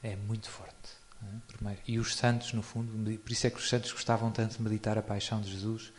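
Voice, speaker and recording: A religious speaker with a European Portuguese accent gives an informal spiritual talk, talking fast and conversationally in a lowish voice with little pitch movement. He often tacks on tag questions and chuckles frequently as he explains things.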